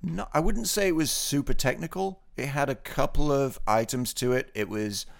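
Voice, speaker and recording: A man co-hosting a podcast, giving a relaxed, rambling race report full of fillers. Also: medium pitch, normal speed, vocal fry. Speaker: podcast co-host. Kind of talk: casual podcast chat.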